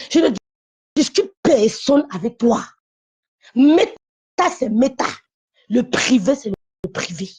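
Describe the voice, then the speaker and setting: A woman's voice: sits high, darkish tone, slightly rough. A woman calling into a live stream, talking in an insistent, repetitive, confrontational way. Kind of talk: heated live-stream call.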